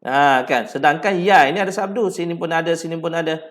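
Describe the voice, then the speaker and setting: A man with a Malaysian Malay accent teaching Quran recitation, repeating words slowly syllable by syllable to correct pronunciation and breaking into drawn-out chanted verses. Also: on the high side, a bit bright.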